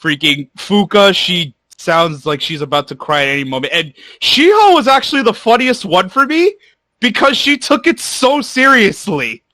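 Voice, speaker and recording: A man with a somewhat high, bright, sharp-edged voice chats casually on a podcast. He stammers as he starts his sentences and talks bluntly, with the odd curse. The sound is close and dry. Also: lively intonation, moderate pace, no echo. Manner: stammering restarts, blunt and swearing. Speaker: podcast co-host.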